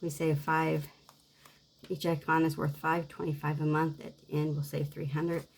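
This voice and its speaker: Worn out lady vlogging a money game, deep and kinda gravelly, soft and slow. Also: level tone, slight background noise, rough recording. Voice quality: coughing at times. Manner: quiet, subdued, unhurried talk. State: low on energy, worn out. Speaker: budgeting game creator. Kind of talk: casual savings-game vlog.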